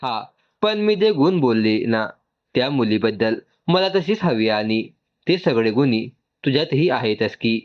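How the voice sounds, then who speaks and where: Middle-aged mother figure, affectionate and teasing, slightly raised pitch, read by a man, muffled lo-fi sound. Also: animated, unhurried, natural voice.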